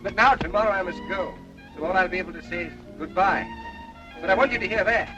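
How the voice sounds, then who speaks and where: An actor playing an earnest, reserved young castle owner in a 1930s film. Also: male voice, high-pitched, quick pace, lightly acted, low-quality recording. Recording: old film soundtrack with music.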